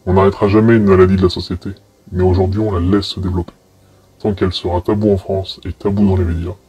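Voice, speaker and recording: A man giving measured, earnest interview testimony as an investigator. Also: low-pitched, dark tone, breathy edge. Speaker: anti-paedocrime investigator being interviewed.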